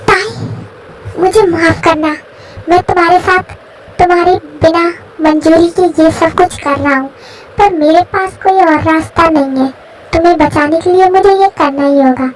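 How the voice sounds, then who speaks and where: A woman's voice: very high voice, normal speed, a little hiss or hum. A woman voicing an anxious, protective young man in a fan story, talking in a pleading, fretful way. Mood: desperate.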